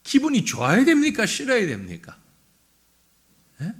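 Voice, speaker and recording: A man's voice: sits high, wildly swooping pitch, moderate pace. A male pastor preaching a sermon in a church, asking his congregation rhetorical questions.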